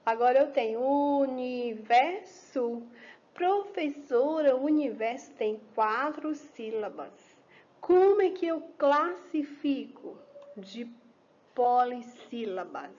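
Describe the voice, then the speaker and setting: A woman's voice: a little high, expressive, darkish tone, highs cut off. A woman teacher giving a patient lesson explanation to young children, asking questions and answering them herself. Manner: slow, patient, asks and answers own questions.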